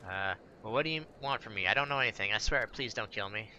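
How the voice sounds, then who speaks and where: A man's voice: lowish voice, quick pace, sharp tone, slight background noise. A cowering villager man, read out by a male streamer. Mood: pleading. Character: frightened male villager, timid and pleading.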